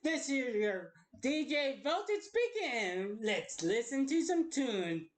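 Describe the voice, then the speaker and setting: An upbeat radio DJ, as a woman puts him on, pitched high with bouncy announcer patter. The delivery swings up and down to hype the next tune. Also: sing-song, slow pace, heavily acted. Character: hyped radio DJ.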